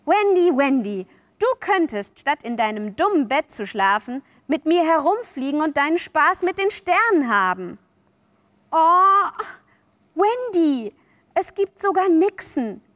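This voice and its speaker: A woman's voice: a little high, very animated, a little slow, a bit bright, dry recording. A woman voicing a cocky, sly boy who coaxes and boasts. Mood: coaxing. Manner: boastful, coaxing, offhand.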